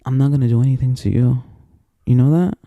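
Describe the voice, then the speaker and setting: A man's voice: mid-range voice, steady tone, fast, no room sound, phone-quality sound. A man in an angry, profane, rambling personal rant to camera, repeating himself as he gets worked up. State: emotionally worked up.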